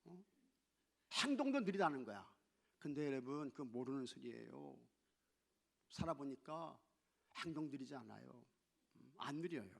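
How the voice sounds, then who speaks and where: A man preaching a sermon as pastor, shifting from loud exclamations to hushed asides and playfully mimicking regional dialects. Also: medium pitch, lively intonation, normal speed, vocal fry, pauses often, husky. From not from Chungcheong. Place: church sanctuary.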